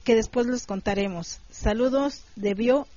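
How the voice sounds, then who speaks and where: A woman reading a first-person adult story in a steady, measured way. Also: fairly high pitch. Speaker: story narrator. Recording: dull, dry close recording.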